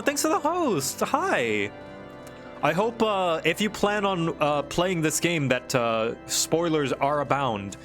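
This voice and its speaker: Man, game streamer, casual chat, rambling playful asides, medium pitch, background music. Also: a bit bright. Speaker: live streamer.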